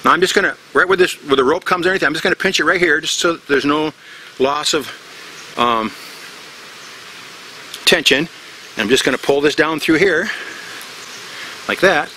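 Middle-aged outdoor instructor, bright edgy voice, casual step-by-step demo, faint background ambience. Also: male voice, on the high side, normal speed, pauses often, a little hiss or hum. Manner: plain, step-by-step, repeats himself with fillers. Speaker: bushcraft instructor. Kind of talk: casual outdoor knot demonstration. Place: outdoors in tropical forest.

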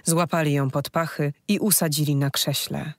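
Steady audiobook narrator, dry sound. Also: medium pitch, normal speed, no room sound. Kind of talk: scripted narration of a fantasy story.

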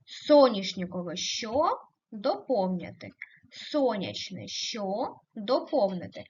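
A woman teaching a primary school class, speaking slowly and clearly, stretching out example words, asking the class questions and praising the answers. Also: mid-range voice, big pitch swings, darkish tone, muffled recording, slight background noise. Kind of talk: recorded online lesson.

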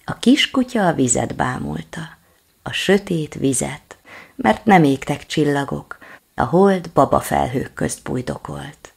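A woman narrates a children's story in a low, husky voice with a gravelly rasp. Her reading is lively and expressive, and her pitch swings widely as she follows the tale. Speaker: audiobook reader.

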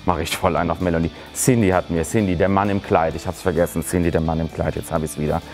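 A man's voice: sits low, steady tone, fast talker. A man performing as a drag queen, delivering a catty comedic roast of fellow contestants with mocking, giggly jabs. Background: loud music.

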